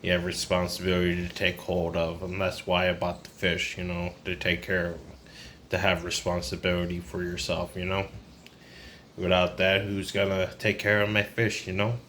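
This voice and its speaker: Man, twenties, very low pitch, downcast burned-out confiding manner, casual vlog talk, some background noise. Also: monotone, moderate pace, a bit bright. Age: 20s. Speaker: vlogger. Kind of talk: casual rambling personal vlog. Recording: noisy ambient background.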